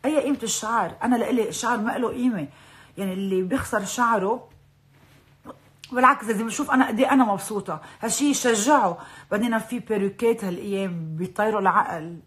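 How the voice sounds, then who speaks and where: A woman's voice: medium pitch, quick pace. A woman from Lebanon with a Lebanese accent, chatting casually on a live stream from her phone, often slipping into English and laughing. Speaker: social media personality hosting a live stream.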